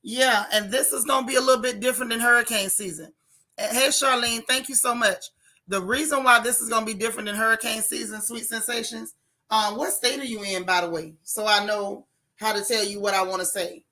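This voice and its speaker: Female livestream news host, wheezy rasp, forceful edge, casual but emphatic delivery with repeated phrases. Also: a little high, steady tone, a little fast. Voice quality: raspy, wheezy voice. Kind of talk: casual livestream talk, answering viewer comments.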